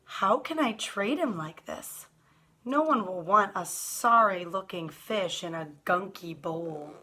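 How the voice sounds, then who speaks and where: Storybook role: grumbling, reluctant small boy played by a woman, bright tone, slow and emphatic. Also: mid-range voice, expressive, full character voice. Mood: firm, fed up. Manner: emphatic, drawn-out storybook delivery. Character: reluctant, grumbling little boy narrating his pet story.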